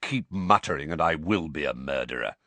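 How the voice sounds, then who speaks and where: A man's voice: very deep voice, lively intonation, a little fast, pushed and bright, no echo, full character voice. A man voicing an impatient, irritable grown man who speaks curtly and with disdain. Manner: curt, snapping, disdainful. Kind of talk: audiobook character voice.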